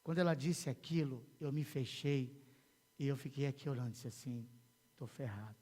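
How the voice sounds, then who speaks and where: A male pastor with a Brazilian accent preaching a sermon in a church, telling a story with many repeated words and swings from hushed to loud. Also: medium pitch, normal speed, a little hiss or hum. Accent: Brazilian Portuguese. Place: church sanctuary. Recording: long church hall reverb.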